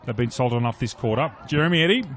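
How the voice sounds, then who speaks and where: Aussie bloke doing footy play-by-play, short clipped calls, gets animated, outdoors at the ground. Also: male voice, medium pitch, racing, slight background noise. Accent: Australian. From Australia, regional New South Wales. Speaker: sports commentator. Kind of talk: live Australian rules football play-by-play commentary. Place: outdoor commentary box at a suburban football oval.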